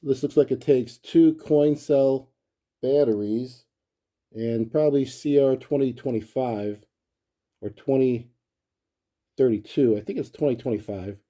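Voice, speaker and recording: In this gadget review, a male collector speaks in a warm, mid-range voice, a bit slowly and with frequent pauses. His delivery is casual and easygoing, as if he's thinking aloud without a script.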